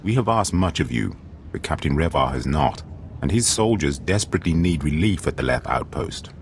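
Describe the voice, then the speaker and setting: An actor playing a formal, dignified alien military strategist in a video game, speaking in a measured, precise way. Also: male voice, very deep voice, animated, a little hiss or hum. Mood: formal, composed.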